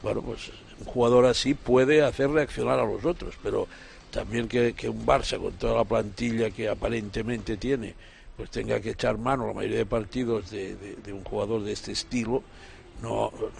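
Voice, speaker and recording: A man's voice: fairly low pitch, fairly even intonation, normal speed, vocal fry, a little hiss or hum. A man giving football commentary on a radio sports show, emphatic and repeating himself as he starts. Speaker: football pundit.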